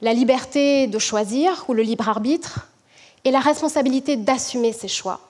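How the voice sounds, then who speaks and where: High-voiced woman giving a reflective talk. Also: normal speed, a little mellow. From French Guiana. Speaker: management professor giving a talk. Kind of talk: prepared public talk.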